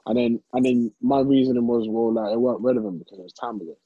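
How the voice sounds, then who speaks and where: In a muffled, roomy recording, a young adult man talks fast in a mid-range voice. He has a London roadman accent and engages in casual, slangy, incredulous street banter.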